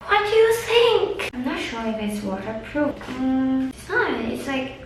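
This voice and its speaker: A tired woman vlogs from the floor of her room, rambling and teasing herself in a high voice. She speaks slowly, with a lot of echo bouncing around the room and a faint background hiss. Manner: rambling, self-deprecating, talks to herself. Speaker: beauty vlogger. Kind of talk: casual chat while doing makeup. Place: room at home, sitting on the floor. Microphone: camera in front of her. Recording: very echoey room.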